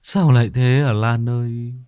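A man's voice: mid-range voice, fairly even intonation, normal speed, mellow, clear, resonant tone, dry recording, studio quality, natural voice. A man playing a dazed young man pleading for a girl who vanished. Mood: grieving. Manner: pleading, lost, calling out.

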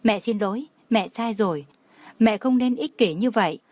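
A woman voicing a tender, remorseful young mother who speaks in soft, apologetic tones. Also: medium pitch, moderate pace, no echo, lightly acted.

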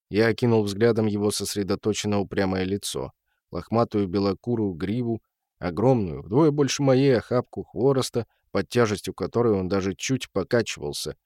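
A man's voice: on the low side, dark tone, no echo. Man reading a story, dry and close. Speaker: narrator. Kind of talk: audiobook reading.

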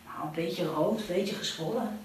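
A woman's voice: on the low side, normal speed, reverberant, slight background noise, natural voice, low-quality recording. An actress in a radio play as a young woman on the phone with her mother, fussy, caring and exasperated. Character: young woman alone at home, anxious, caring. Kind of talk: radio drama acting.

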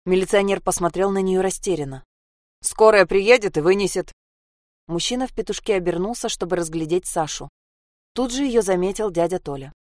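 Expressive woman reading a story. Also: on the low side, fairly quick, dry recording, studio quality. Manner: expressive, voices characters. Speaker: narrator.

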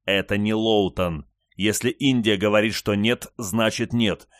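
A man voicing a grim, steady man in an audiobook, speaking firmly and measuredly. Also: fairly low pitch, a little slow, no echo, clean studio sound, close to an everyday voice.

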